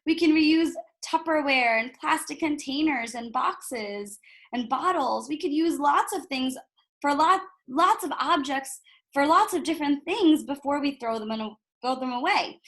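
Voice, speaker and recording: A woman with a high-pitched voice reads a picture book to young children a little slowly, like a teacher. Her delivery is expressive and animated; she explains as she goes and poses rhetorical questions to the kids.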